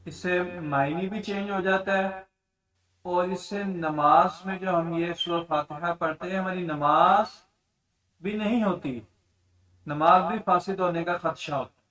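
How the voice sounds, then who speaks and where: Male Quran tajweed teacher, slightly high voice, explains then chants slowly, mic set back. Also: fairly even intonation, fairly bright tone, distant mic, low-quality recording. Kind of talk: tajweed lesson with demonstrations.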